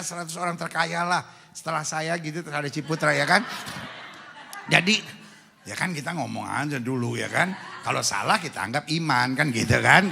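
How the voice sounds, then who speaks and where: A middle-aged male preacher jokes and teases his congregation in street slang. His voice is bright and gravelly with a husky edge. Long hall reverb hangs behind him. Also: fairly high pitch. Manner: joking, teasing the congregation, colloquial Jakarta slang. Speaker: pastor. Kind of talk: humorous sermon. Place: large church hall with congregation.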